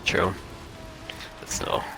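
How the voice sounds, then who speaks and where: A man's voice: extremely slow, low-quality recording. A man chatting on a friend's game stream, complaining with lots of fillers and the odd swear word. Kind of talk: casual gaming chat. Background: game music.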